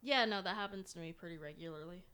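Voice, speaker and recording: A woman's voice: lowish voice, fast, sharp tone, clear, resonant tone. A young woman co-hosting a podcast, chatting casually with dry, blunt quips. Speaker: podcast co-host. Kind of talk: casual chat.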